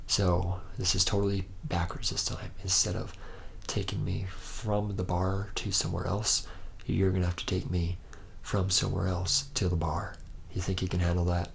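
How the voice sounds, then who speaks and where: A very low, creaky-voiced man roleplays a hard-drinking, skirt-chasing young robot-factory mechanic for ASMR, sounding casual and bargaining. His rambling bro slang stays boastful and teasing, against audible background noise and ambience.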